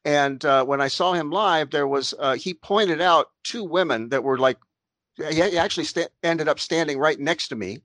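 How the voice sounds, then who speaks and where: A man in casual conversation, thinking out loud, repeating phrases and often giving short agreements. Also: on the high side, normal speed, no room sound.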